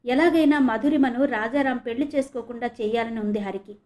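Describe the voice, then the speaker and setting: Higher-voiced woman narrating a novel. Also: fairly quick, darkish tone. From Andhra Pradesh, India. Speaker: audiobook narrator.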